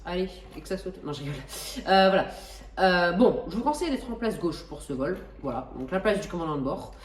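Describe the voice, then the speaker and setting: Woman walking you through a cockpit, lots of "euh" and restarts, lowish voice, a bit off mic. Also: lively intonation, fairly quick, echoey room, far from the mic. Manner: chatty, many hesitations and restarts, self-joking. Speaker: flight simulator tutorial host. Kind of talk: casual tutorial explanation.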